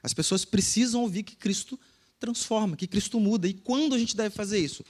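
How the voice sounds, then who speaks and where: Brazilian man, higher-pitched, chatty preacher who asks his congregation questions. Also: a little fast, a little mellow. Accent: Brazilian Portuguese. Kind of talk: casual sermon. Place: church service.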